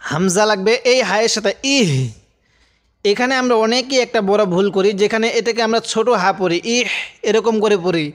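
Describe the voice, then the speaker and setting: A man teaching Quran reading in a lesson, spelling out each word slowly and pausing for viewers to repeat after him. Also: high-pitched. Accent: Bangladeshi Bengali. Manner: slow drawn-out syllable-by-syllable recitation, then quicker plain explanation; addresses viewers directly and pauses for them to repeat.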